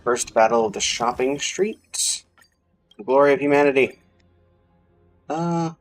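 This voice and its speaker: A man with a medium-pitched voice at a measured pace, a game streamer, gives casual gameplay commentary, half-muttering his thoughts aloud to himself. Music plays behind his voice.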